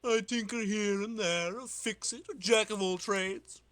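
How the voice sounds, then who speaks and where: A man's voice: high-pitched, fairly even intonation, measured pace, fairly bright tone, no room sound, pitched above the performer's own voice. A man voicing a sly old villain inventor in a comic-book reading, theatrical and drawn out. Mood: inquisitive.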